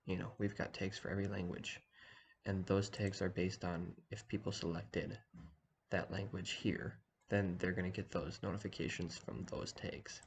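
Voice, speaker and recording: A man talking quietly in the early morning so as not to wake anyone, giving a casual screen-share walkthrough. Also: low-pitched, level tone, normal speed, vocal fry, a little hiss or hum. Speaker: online community organizer giving a tutorial.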